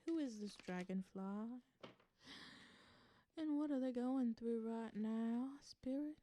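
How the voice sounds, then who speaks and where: Slow and a little high, the voice of a tarot reader from the Southern United States guides viewers through an intuitive reading. She offers earnest advice, leans on repeated phrases for emphasis, and lets out soft laughs.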